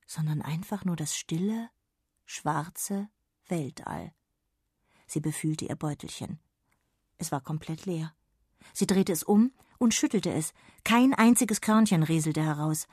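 A woman narrating a children's bedtime story in a calm, gentle, expressive way. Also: sits low, husky, no echo, studio quality.

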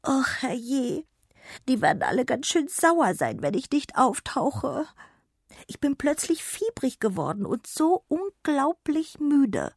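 A woman's voice: high-pitched, very animated, slow pace, slightly rough, no room sound, clean studio sound, pitched above the performer's own voice, heavily acted. A woman voicing a small, feverish, sleepy fairy in a children's radio story. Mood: worried. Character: small sick sniffly female star fairy.

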